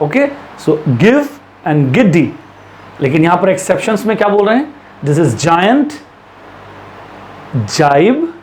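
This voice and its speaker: A man teaching English pronunciation in a classroom-style lesson, with an Indian English accent, asking rhetorical questions and drawing out the example words slowly. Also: sits high, a little mellow, a little hiss or hum. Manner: slow drawn-out English examples, brisk Hindi explanations, lots of rhetorical questions.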